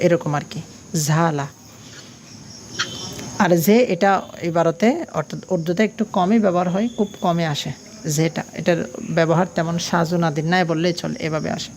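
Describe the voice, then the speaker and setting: Low-voiced woman teaching a language class. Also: a little mellow, slight background noise. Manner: patient, spells out letters and vowel marks; asks the class questions, then answers them. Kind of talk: online language lesson.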